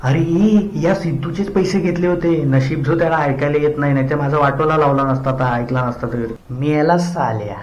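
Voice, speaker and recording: A man playing a worried young man who lost borrowed money, speaking in a low, sulky way. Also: moderate pace, hardly any pauses, echoey room, highs cut off, natural voice. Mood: glum. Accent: Marathi.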